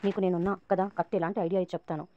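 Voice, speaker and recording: A woman's voice: fairly low pitch, little pitch movement, racing, narrow, tinny audio, close to an everyday voice. A woman narrator reading the lines of a scheming, sarcastic young woman. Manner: sarcastic and goading.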